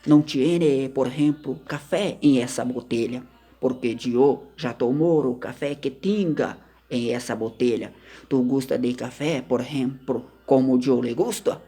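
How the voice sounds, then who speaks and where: A man from Argentina, teaching vocabulary in a slow, repetitive way and mixing in words. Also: medium pitch, dark tone, breathy edge. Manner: slow, repetitive, mixes Spanish into Portuguese. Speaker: language teacher. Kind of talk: casual vocabulary lesson to camera.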